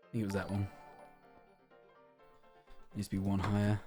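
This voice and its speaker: A young man streaming live, chatting in a rambling, animated, self-mocking way. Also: lowish voice, normal speed, faint music behind. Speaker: livestreamer. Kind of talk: casual stream chat.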